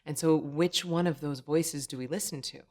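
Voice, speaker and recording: A woman's voice: low-pitched, fairly even intonation, moderate pace, a little mellow. A woman in her thirties teaching meditation straight to camera, upbeat and conversational, often checking in with "right?". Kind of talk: direct-to-camera teaching talk.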